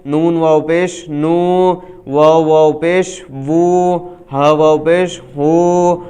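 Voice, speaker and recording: A man teaching Quran reading, spelling out syllables slowly and explaining briskly in between. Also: fairly high pitch, level tone, mellow, clean tone. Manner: drawn-out syllables, explains quickly between drills. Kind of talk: slow spelled-out letter drill lesson.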